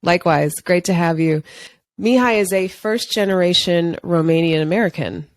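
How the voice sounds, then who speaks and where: A woman's voice: fairly low pitch, normal speed, no echo. A woman hosting a podcast, asking upbeat, friendly interview questions. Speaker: podcast host. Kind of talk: casual interview.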